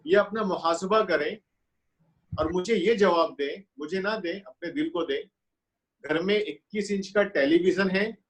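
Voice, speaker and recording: A man with a fairly high voice gives an earnest webinar lecture. He asks rhetorical questions and swings between raised, urgent lines and hushed ones. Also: poor audio. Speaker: webinar speaker on parenting. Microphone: webinar call audio.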